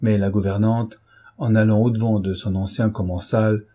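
A man narrates a classic novel in a steady, measured audiobook reading. His voice is low and dark, with a husky grain.

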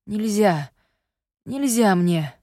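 A woman doing a hoarse, injured man. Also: medium pitch, animated, drawn-out words, dark tone, no room sound, clean studio sound. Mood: weak pleading. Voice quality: hoarse, wheezing. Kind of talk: audiobook character reading.

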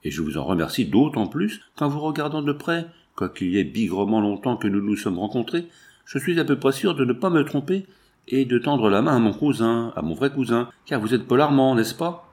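A man's voice: medium pitch, animated, brisk, a little mellow, close to an everyday voice. A man voicing a talkative young working-class mechanic with folksy, exclamatory slang. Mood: hearty.

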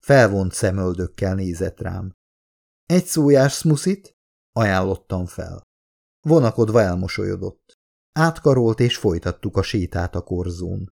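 A man narrating a first-person novel as an expressive audiobook reader. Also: deep voice, gravelly.

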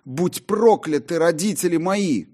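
A male audiobook narrator voicing a despairing, doomed Faust, declaiming in a high, strained voice. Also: animated, a little slow, darkish tone. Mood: anguished.

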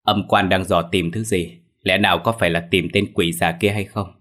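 Stern old exorcist, gruff and commanding, deep husky voice, read by a male narrator. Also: fairly even intonation, normal speed, fairly bright tone.

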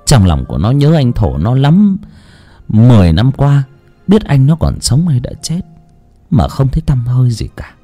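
Very animated male storyteller. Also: medium pitch, moderate pace, faint music behind. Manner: dramatic, animated telling. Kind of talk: dramatic story narration.

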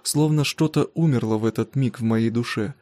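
A man reading a first-person novel aloud in a steady, even manner. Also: mid-range voice, fairly quick, no room sound. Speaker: audiobook narrator. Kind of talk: first-person audiobook narration.

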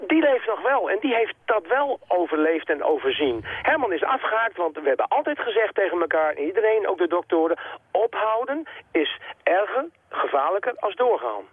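A man's voice: high voice, big pitch swings, normal speed, husky, no room sound. A man telling stories as a guest in a radio interview, with an emphatic manner. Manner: emphatic, storytelling. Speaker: studio guest. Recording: tinny phone line.

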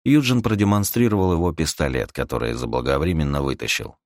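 A man narrating an adventure audiobook in a lively storytelling read. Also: extremely low pitch, fast, no echo, clean studio sound. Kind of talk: scripted narration.

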